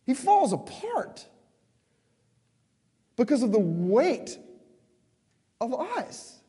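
A man preaching a sermon with passion, stressing words slowly and then rushing through quick asides. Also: extremely high pitch, huge pitch swings, dark tone, husky. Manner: impassioned, emphatic, swings between slow stresses and quick asides. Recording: long hall reverb.

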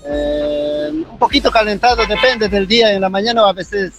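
A man's voice: high-pitched, lively intonation, normal speed, a bit bright, soft background music. A man with a Bolivian Spanish accent from Cochabamba, answering a street interviewer outdoors at a bus stop in a hesitant, mild-mannered way. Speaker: passerby being interviewed.

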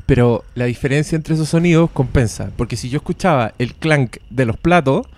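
A man with a Chilean accent, hosting a podcast and telling stories in a teasing, animated way. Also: mid-range voice, brisk. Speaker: podcast host. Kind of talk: casual chat.

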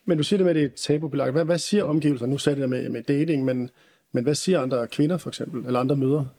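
A man interviewing a guest, asking brisk, direct questions. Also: mid-range voice, dark tone.

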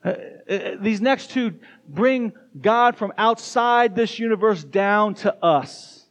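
A man preaching a sermon in a church, talking energetically and speaking straight to the kids and the congregation. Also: sits high. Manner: energetic, addresses kids and congregation directly, quick bursts. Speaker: pastor. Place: church sanctuary.

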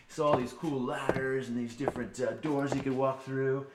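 A man's voice: medium pitch, fairly even intonation, normal speed, heavy background noise. A man telling a rambling, improvised story in a casual way, with filler words. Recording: roomy echo, faint music.

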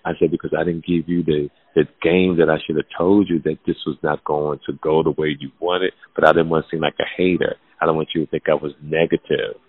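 A man in his forties with an extremely deep voice speaks as a guest in a loose podcast chat. His talk is blunt and profane, addressing the listener as "fam", and he sinks into a low murmur on painful points. The sound is thin and narrow, as if over a phone line. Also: flat delivery, a little fast, few pauses, husky, no echo. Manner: drops to a hushed, low murmur when telling something painful.

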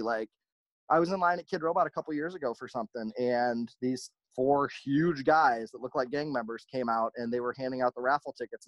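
A man's voice: mid-range voice, dry recording. A man who runs a merchandise brand, telling stories in a casual interview and acting out the back-and-forth. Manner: animated, acts out quoted exchanges.

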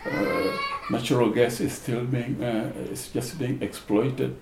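A man giving an unscripted, thoughtful seminar answer in a hesitant, halting way, with a gravelly voice. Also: medium pitch, little pitch movement. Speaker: panel speaker. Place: seminar room. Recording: roomy echo, faint background noise.

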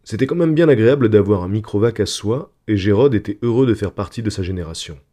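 A male storyteller reads in a calm, measured way. His voice is low-pitched and dark, with a mellow, relaxed tone. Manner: calm, measured literary narration. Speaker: narrator. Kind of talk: storytelling audiobook reading.

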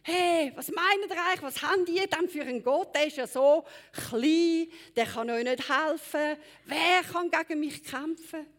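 A woman's voice: high-pitched, a little slow, few pauses, a bit bright, pitched above the performer's own voice. A woman voicing a huge, boastful male giant warrior who bellows mocking taunts at his enemies.

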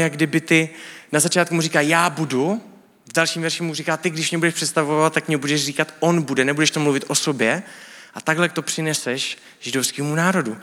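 A man's voice: fairly high pitch, a bit bright. A man giving a sermon, explaining things in a casual, teaching way with colloquial speech. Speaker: preacher. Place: church hall. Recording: church hall with long reverb.

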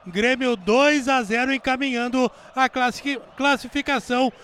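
A man's voice: very high voice, fairly even intonation, normal speed, a bit bright. A man with a southern Brazilian accent giving a live football match report as a reporter. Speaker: pitch-side football reporter. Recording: outdoor city and traffic noise.

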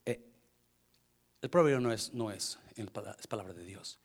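A man preaching a sermon in Spanish to his congregation, slipping English phrases in and swinging between hushed, intimate talk and loud, shouted passages. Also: lowish voice, measured pace, breathy edge. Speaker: pastor.

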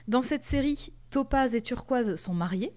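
A woman's voice: a little high, lively intonation, a little slow, a little mellow. A woman co-hosting a casual chat, explaining a comic series with many fillers and restarts. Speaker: podcast co-host.

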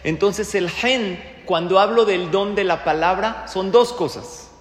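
A man giving a sermon as a rabbi, animated and joking, firing rhetorical questions at his audience. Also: sits high, measured pace. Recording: echoey hall.

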